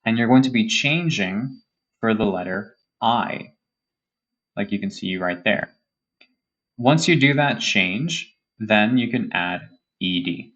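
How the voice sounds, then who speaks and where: Slow, patient male English teacher. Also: lowish voice, lively intonation, fairly bright tone, highs cut off. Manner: patient, explains slowly with frequent "okay?" and "right?" checks. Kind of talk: grammar lesson for beginners.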